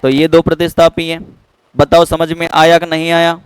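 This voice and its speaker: A man's voice: fairly high pitch, little pitch movement, moderate pace, smooth, dry recording, poor audio. A man teaching a chemistry class, who keeps checking whether students have understood. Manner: keeps quizzing students with "clear?". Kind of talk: classroom lecture.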